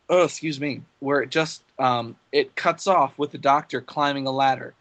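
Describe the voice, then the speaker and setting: A man's voice: medium pitch, moderate pace, a bit bright. Casual man hosting a fan podcast. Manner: rambling, with fillers and restarts. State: has the hiccups. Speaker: podcast co-host leading the discussion.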